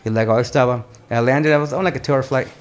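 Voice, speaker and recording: A man's voice: mid-range voice, racing. A man in his forties, a military veteran and father, telling rambling stories on a podcast with many restarts. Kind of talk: casual storytelling chat.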